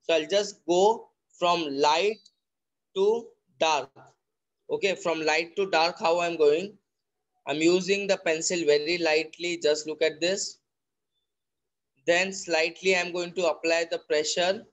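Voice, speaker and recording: Indian guy teaching drawing online, real slow and patient, kinda high voice, says everything twice. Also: fairly even intonation. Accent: Indian English. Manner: slow, repetitive step-by-step explaining, mixing English and Hindi. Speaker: art teacher.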